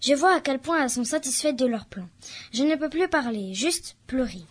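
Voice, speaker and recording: A high, light female voice reads a novel excerpt aloud at an even, careful pace. She lifts her pitch further whenever she voices the characters' quoted lines. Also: moderate pace, breathy edge. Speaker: reader.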